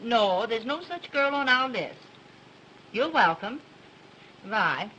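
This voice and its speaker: A woman's voice: a little high, sing-song, takes it slowly, sharp tone, muffled recording, slight background noise, full character voice. Motherly neighborhood house worker, early talkie. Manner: kindly, fussing, reassuring. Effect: early 1930s talkie film sound. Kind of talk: 1930s film acting.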